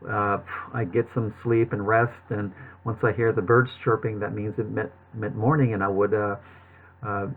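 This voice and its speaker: A man telling his personal story to viewers in a halting way, with a slight lisp and numb-lipped speech, as if numb from the dentist. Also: on the low side, little pitch movement. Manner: halting, with long pauses and repeated words. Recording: thin, phone-like narrowband sound.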